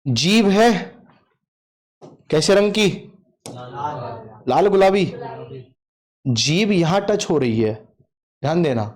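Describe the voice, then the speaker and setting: A Hindi teacher with a high-pitched, animated voice runs an exam-prep language class, drilling students by repeating questions and answers aloud. He explains slowly and emphatically.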